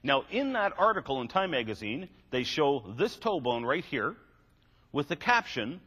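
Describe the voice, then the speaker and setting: A man's voice: a little high, big pitch swings, moderate pace, bright, forceful tone. An older man giving a lecture to a live audience, with wry, sarcastic asides. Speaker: creationist seminar speaker. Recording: echoey hall, faint music.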